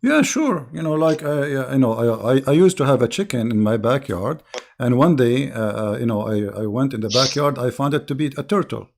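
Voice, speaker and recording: A man hosts a live call-in debate, his tone mocking and repetitive. His voice sounds a little hoarse. He sits at a mid pitch for a man. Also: lively intonation, brisk. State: slightly hoarse. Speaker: call-in show host. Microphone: Skype call-in setup.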